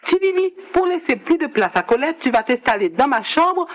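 A man acting a very high-voiced fussy old grandmother. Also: very animated, normal speed. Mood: conciliatory. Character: fussy, hesitant elderly grandmother of a household. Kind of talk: radio serial drama acting.

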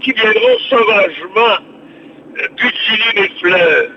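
A man's voice: high-pitched, a little slow. An older man with a Québécois French accent, chatting expansively on the radio by phone and repeating his words. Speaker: radio show host on the phone. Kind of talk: casual radio chat. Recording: dull lo-fi phone line with faint noise.

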